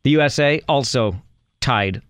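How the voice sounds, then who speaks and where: A man co-hosting a morning radio show, teasing his co-host and running a quiz in an animated way from a studio mic. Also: medium pitch, a little slow, clean tone, no echo.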